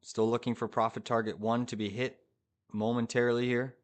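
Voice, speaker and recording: A male day trader commentates live for his viewers in a medium-pitched voice. He sounds urgent and hyped, firing off short phrases and repeating them as he urges the market along. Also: flat delivery, fairly quick.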